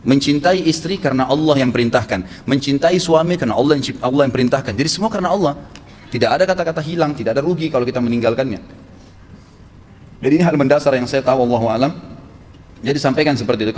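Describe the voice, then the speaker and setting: A man's voice: medium pitch, rapid-fire, darkish tone. A man preaching a sermon with blunt, emphatic advice. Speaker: Islamic preacher. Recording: long echo in a hall, faint noise.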